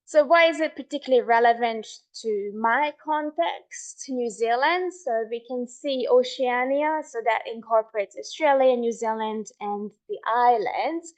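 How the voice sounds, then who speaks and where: A middle-aged woman from Hungary giving a measured academic talk on her research, with frequent ums and restarts. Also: on the high side. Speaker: researcher presenting her work.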